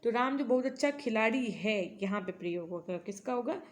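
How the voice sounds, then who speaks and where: Woman teacher running a quiz, slightly high. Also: expressive, normal speed. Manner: quizzing, then explaining answers patiently; mixes English phrases into explanations. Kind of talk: exam-prep quiz lesson.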